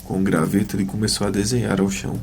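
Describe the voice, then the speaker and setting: A man's voice: lowish voice, flat delivery, fast, darkish tone, slight background noise. A man narrating a scripted fantasy story as the narrator of an audio drama.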